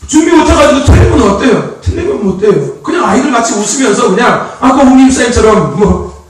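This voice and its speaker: Male pastor with a very high, lively voice, chatty and laughing, recorded from a distance in an echoey church hall. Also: fairly quick. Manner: animated and chatty, laughs often, prompts the congregation for amens. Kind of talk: informal sermon. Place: church sanctuary. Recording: echoey hall, distant mic, faint noise.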